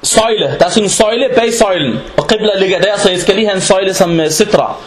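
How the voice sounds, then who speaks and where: A man preaching a religious lecture, telling anecdotes in an animated way and at times raising his voice. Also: high-pitched, a loud crowd. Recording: echoey room.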